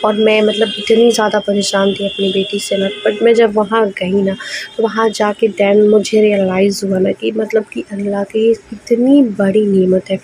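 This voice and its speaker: A woman's voice: medium pitch, a little mellow, slightly rough, low-quality recording. A young woman, a mother and vlogger, chatting casually with lots of fillers. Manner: chatty, conversational with many fillers. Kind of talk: casual vlog narration.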